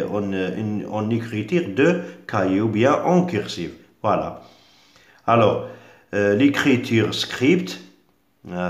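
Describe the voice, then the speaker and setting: Slow, lively-pitched man teaching French. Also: roomy sound. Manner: patient and repetitive, spells out letters, many fillers. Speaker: primary school French teacher. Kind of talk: exam revision lesson.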